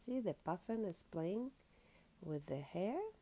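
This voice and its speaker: A female storytime host reads aloud to children very slowly and with great expression, asking listeners questions along the way, and some vocal fry creeps into her voice.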